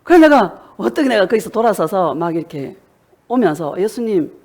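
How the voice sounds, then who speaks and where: A woman's voice: mid-range voice, very animated, brisk, a little mellow. A woman pastor delivering a fervent sermon, exhorting her congregation and telling stories along the way. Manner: fervent, exhorting with storytelling asides.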